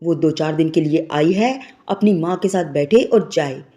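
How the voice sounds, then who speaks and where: A woman with a low, mellow voice narrates a scripted, sentimental moral story at a moderate pace. Background music plays beneath her as a music bed.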